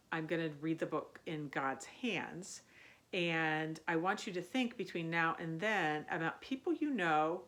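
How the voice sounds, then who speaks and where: This youth ministry storyteller has a fairly low voice and reads a children's picture book expressively. She muses as if wondering aloud alongside young listeners.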